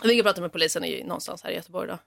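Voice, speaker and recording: A young woman co-hosting a podcast in casual chat, telling stories in a lively way and acting out the voices of the people in them. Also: on the low side, gravelly, no room sound, studio quality. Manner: lively storyteller who acts out quoted voices. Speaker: podcast co-host. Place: Gothenburg.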